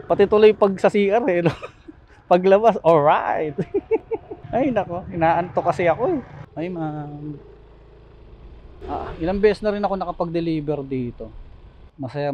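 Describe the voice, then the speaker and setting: On a lo-fi recording with slight background noise, a man with a highish voice vlogs for viewers while riding deliveries through the streets of the Philippines. He keeps up a chatty, laughing flow, adding tag questions and joking apologies.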